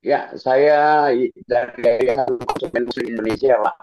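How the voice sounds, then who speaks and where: A man's voice: mid-range voice, fairly even intonation, a little slow, darkish tone, dry recording. Man on a choppy, glitching video call. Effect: choppy breaking-up call audio. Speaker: participant asking a question. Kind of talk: online discussion Q&A. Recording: dull lo-fi dry call line.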